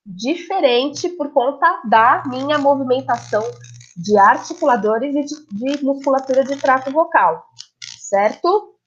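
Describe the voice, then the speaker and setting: A speech therapist gives an explanatory lesson on how the voice works, demonstrating sounds and checking that listeners understand. Her voice is a little high and slightly rough, and the audio is dull.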